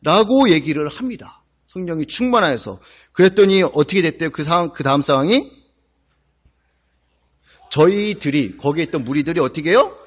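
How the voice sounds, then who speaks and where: A man delivers a Sunday sermon in a church. His voice sits high and swings widely in pitch. He preaches emphatically, constantly throwing questions back at his listeners. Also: normal speed, slightly rough. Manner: asks the congregation questions, animated and emphatic. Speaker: pastor. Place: church sanctuary.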